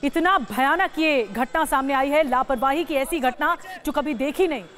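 A woman's voice: high voice, moderate pace, fairly bright tone. A woman news anchor narrating breaking news in an urgent, dramatic tone, often asking the viewer to imagine the scene.

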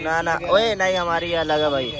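A man's voice: a little high, normal speed. A young man chatting casually and teasing a friend while vlogging on a phone outdoors. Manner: joking, teasing banter with a friend. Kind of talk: casual travel vlog chat. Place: outdoors on a riverside and hill trail. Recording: outdoor crowd and traffic behind.

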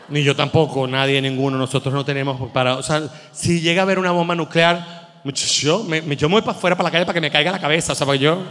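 A man's voice: fairly high pitch, bright, forceful tone, big-room sound, slight background noise. A man with a Venezuelan accent doing a rambling, exasperated, crude stand-up comedy monologue. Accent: Venezuelan Spanish.

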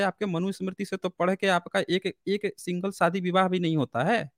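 A high-pitched man hosting a live call-in debate, pressing his caller with rapid, insistent questions. His voice is dry and close, with no room sound around it. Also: fairly bright tone, dry recording. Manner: argumentative, rapid-fire questioning. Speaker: host.

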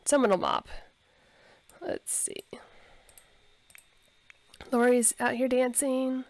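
A woman's voice: fairly high pitch, takes it slowly, darkish tone. A young woman chatting casually over a life simulation game, giggling and talking to her characters, her voice a little scratchy from a cold. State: slightly hoarse from a cold. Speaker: let's play host.

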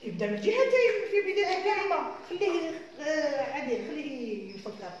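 A woman with an Algerian Arabic accent leads a preschool class, her high voice stretching syllables and cheering the children on. The classroom is very echoey and noisy behind her. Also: sing-song. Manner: encouraging, drawn-out syllables. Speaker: preschool teacher. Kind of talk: classroom teaching.

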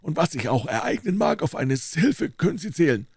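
A man voicing an old male doctor who speaks in a calm, persuasive, clinical way. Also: a little high, normal speed, creaky, slightly rough, dry recording, studio quality, pitched above the performer's own voice, full character voice.

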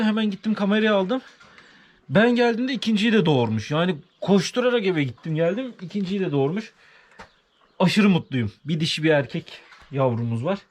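A man vlogging from his farm, talking casually and soothing animals with quiet, repeated hushes. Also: fairly high pitch. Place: farm in a rural village, outdoors. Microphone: body-worn camera mic.

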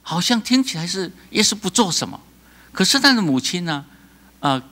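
A man with a Taiwanese Mandarin accent preaching a sermon as pastor, animated, often laughing and prompting the congregation to answer. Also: high voice, normal speed. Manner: animated, asks the congregation call-and-response questions; laughs often between remarks.

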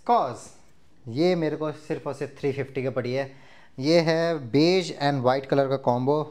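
A man's voice: medium pitch, darkish tone. A man in his twenties from India, chatting casually to viewers in a clothing haul, recorded indoors on a lapel mic. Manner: chatty, mixes Hindi and English, addresses viewers directly. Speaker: fashion vlogger. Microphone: clip-on lapel mic.

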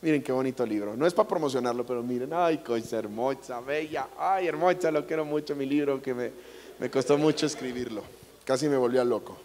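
A man with a Mexican accent giving a comic inspirational talk to an audience, an animated, jokey storyteller who acts out voices. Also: medium pitch, a little fast, slight background noise. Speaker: motivational speaker. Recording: echoey large hall.

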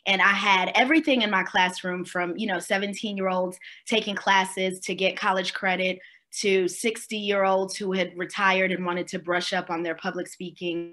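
A woman's voice: on the low side, bright, forceful tone. A woman in her forties from Swaziland giving a conversational keynote talk over a video call from home, with easy fillers and check-ins with her audience. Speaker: keynote speaker. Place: home room, indoors.

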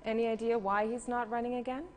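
A woman's voice: a little high, little pitch movement, quick pace. A woman hosting a live phone-in interview in a television studio, polite and composed. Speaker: television host. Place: large television studio, indoors.

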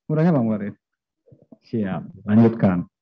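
A man's voice: lowish voice, animated, a little slow. A man moderating a football press conference, politely introducing speakers and reading out reporters' questions. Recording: dull lo-fi sound.

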